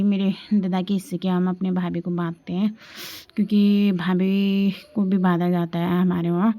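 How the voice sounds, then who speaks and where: Her voice is lowish, and the recording sounds muffled. This chatty young vlogger from the Indian hills guides viewers through her family's day, pointing things out and explaining them in relaxed narration.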